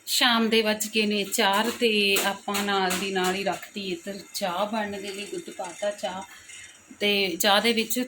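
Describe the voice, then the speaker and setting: Young woman, chatty informal home vlogger, medium pitch, faint background noise. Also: bright, forceful tone. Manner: chatty, informal, explaining everyday chores. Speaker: family vlogger, mother. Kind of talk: casual home vlog narration. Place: at home, household noise behind. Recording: noisy home phone recording.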